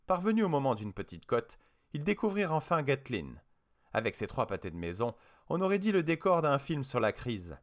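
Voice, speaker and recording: A male narrator reads a horror story aloud as an audiobook. His voice sits in a middle pitch and rises and falls in a lively, expressive way. The reading is dramatic and measured. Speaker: audiobook reader.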